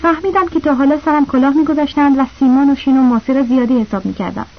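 A woman narrating a novel as an audiobook, reading the characters' lines in her own voice with small shifts. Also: high voice. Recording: slightly dull lo-fi audio.

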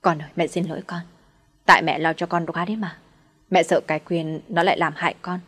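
A woman's voice: on the low side, steady tone, a little fast, fairly bright tone. A woman voicing a cruel scheming mother-in-law. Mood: falsely tearful. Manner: harsh scolding, fake tearful sweetness.

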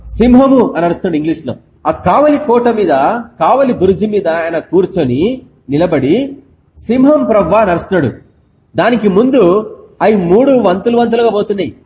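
Male pastor, sermon delivery, mellow tone, faint background noise. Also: high-pitched. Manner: explains slowly, then cries out quoted words loudly; addresses listeners directly.

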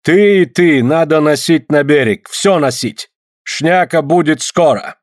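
A man voicing a fierce northern native man who speaks broken Russian in slow, drawn-out words. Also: a little high, no echo, studio quality, voice pushed up, lightly acted. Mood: shouting, terse.

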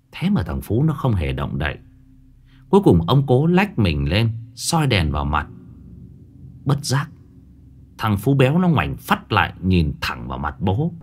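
Lively low-voiced man telling a ghost story. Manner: expressive storytelling. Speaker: narrator.

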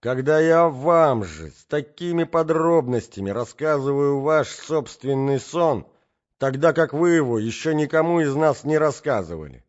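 A man's voice: a little high, lively intonation, unhurried, dull audio, pitched above the performer's own voice. A man doing an indignant, imperious matron. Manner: insistent, indignant, demanding.

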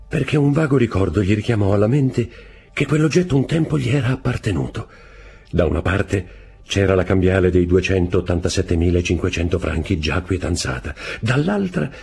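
A man reading a novel aloud as scripted narration, in a dramatic, expressive husky voice. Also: deep voice. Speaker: audiobook reader.

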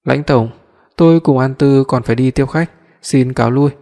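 A man's voice: medium pitch, moderate pace, dark tone, natural voice. A man voicing a hot-headed young man who scolds angrily in an audiobook. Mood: nervous. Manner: scolding, angry. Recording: long hall reverb.

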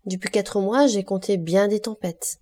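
An earnest, proud young woman in love from a storybook classic, as read by a woman narrator. Her voice is mellow and soft-edged, pressing each word with feeling. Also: mid-range voice, unhurried, lightly acted. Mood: pleading. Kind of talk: audiobook character reading.

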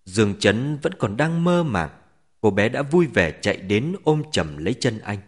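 A man narrating a story in an expressive, scripted storytelling manner. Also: fairly low pitch, moderate pace.

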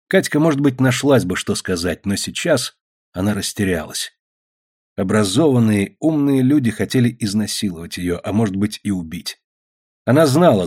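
Brief: male narrator, husky voice, steady audiobook reading. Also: fairly low pitch. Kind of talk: reading a novel aloud.

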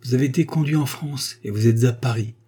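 A man's voice: mid-range voice, brisk, mellow, breathy edge, lightly acted. A man doing a grave, famous doctor.

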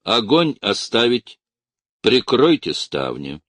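A man voicing a calm, mocking gendarme captain giving orders. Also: mid-range voice, slow pace, dry recording, clean studio sound, voice pushed up, exaggerated voice. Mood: commanding. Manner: unruffled, sardonic.

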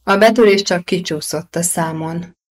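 A woman reading an audiobook voices a male doctor who speaks slowly and apologetically. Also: on the low side, lightly acted. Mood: subdued. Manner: slow, subdued and apologetic.

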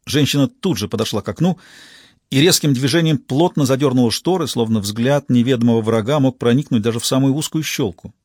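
A man reads a crime audiobook in a steady, measured way, with a husky edge to his voice. The recording is dry and close, with no room sound. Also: mid-range voice, dry recording. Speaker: audiobook narrator. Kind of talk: scripted audiobook narration.

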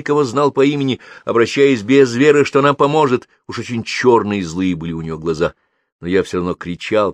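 A man reading a first-person story aloud in a measured, expressive way. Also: medium pitch, no echo. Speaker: audiobook narrator.

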